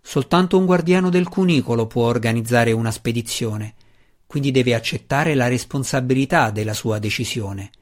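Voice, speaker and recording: A man voicing a gruff, weary deep gnome man weighed down by guilt, speaking slowly and in a low grumble. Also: lightly acted.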